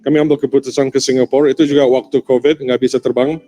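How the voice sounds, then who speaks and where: A man's voice: medium pitch, little pitch movement, fast talker, noisy background. Man mixing in English phrases. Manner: mixes in English phrases, brief interjections. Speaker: guest, husband. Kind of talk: casual testimony.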